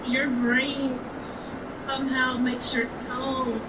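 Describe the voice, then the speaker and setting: A woman from Mississippi with a Southern accent chatting casually, unhurried and quick to laugh. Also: high voice, flat delivery. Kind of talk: casual chat. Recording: distant from the mic with background noise.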